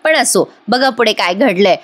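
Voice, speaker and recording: A woman's voice: mid-range voice, animated, moderate pace, a bit bright. A woman narrating a TV serial episode recap, chatting to viewers and dropping wry asides. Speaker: TV serial reviewer.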